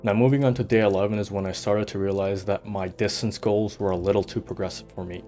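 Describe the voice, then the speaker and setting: A man with a fairly low voice narrates a fitness vlog in a steady, matter-of-fact way, running through his numbers. Faint music plays under his voice-over. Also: fast talker. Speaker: vlogger.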